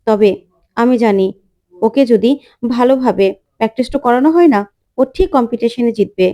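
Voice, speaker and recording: A woman's voice: a little high, warm tone, natural voice. A woman voicing a determined, caring mother who has lost her memory, speaking earnestly and pleadingly.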